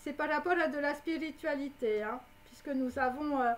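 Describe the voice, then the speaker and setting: Talking at a normal speed in a high-pitched voice, this psychic reader addresses her viewers directly during a live prediction session. Her reading wanders, full of filler words and tag phrases.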